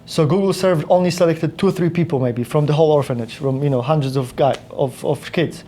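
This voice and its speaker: Guy, 30s, mellow low-key tone, rambly w lots of restarts, little bit of room hum. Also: a little fast. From Poland. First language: Polish. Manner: rambling with frequent restarts and fillers. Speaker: podcast guest. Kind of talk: casual interview storytelling.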